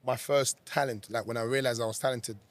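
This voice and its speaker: A man's voice: medium pitch, fairly even intonation, a little fast, no room sound. A young man from Zambia, a guest in a casual interview who laughs often and talks freely.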